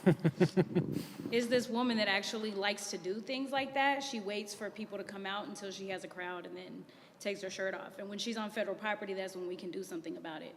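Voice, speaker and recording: A woman in the audience quickly and chattily telling a story from her work during a church safety training. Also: mid-range voice, fairly even intonation, a little hiss or hum. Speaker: audience member. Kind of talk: sharing a story in a group discussion. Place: church hall. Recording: distant voice in a reverberant hall.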